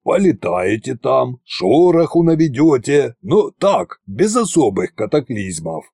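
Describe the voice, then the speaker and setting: A man voicing a bossy, scheming old male tsar in an audiobook, slow and commanding in a folksy way. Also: mid-range voice, big pitch swings, vocal fry, dark tone, breathy edge, no room sound, studio quality, voice pushed up, exaggerated voice. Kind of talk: audiobook character reading.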